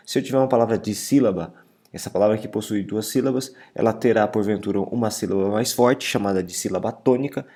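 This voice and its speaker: A man teaching a video lesson, explaining step by step and stressing syllables loudly. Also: on the low side. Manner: says "beleza?" and "galera" often.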